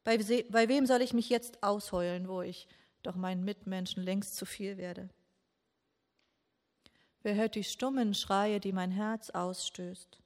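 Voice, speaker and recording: A woman giving a slow, meditative sermon in a grieving, questioning tone, with long pauses. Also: mid-range voice, fairly even intonation. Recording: long echo of a large church hall.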